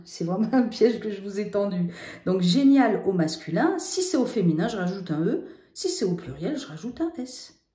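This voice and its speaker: Female teacher, patient lesson voice, mellow tone, echoey room, spells out letters, asks and answers her own questions. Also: on the low side. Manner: stresses word endings by spelling them out letter by letter.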